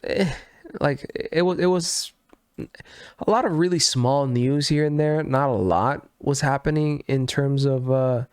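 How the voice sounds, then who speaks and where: A man with a congested, stuffy voice hosts a solo gaming news show in loose, rambling commentary. He corrects himself mid-sentence and swears without a second thought. His voice sits at an ordinary pitch and is recorded dry and close, with no room sound. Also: unhurried, clear, resonant tone, no room sound. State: sick and congested. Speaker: gaming news podcast host.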